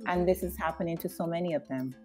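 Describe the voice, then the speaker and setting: A woman from Barbados, a screenwriter, speaking thoughtfully in an interview with frequent pauses. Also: fairly low pitch, darkish tone, soft background music. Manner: thoughtful, measured, with many "uh" pauses. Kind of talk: interview conversation.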